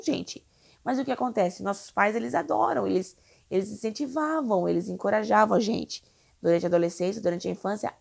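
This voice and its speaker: Her voice medium-pitched, gravelly and darkish, a young Brazilian teacher of English to children explains in a casual video. She's chatty and reassuring, often using tag questions.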